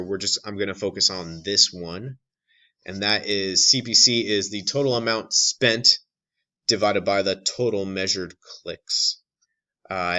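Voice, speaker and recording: Man, instructor, recorded lecture, bright forceful tone, lowish voice, explanatory with restarts. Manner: explanatory, many restarts and fillers.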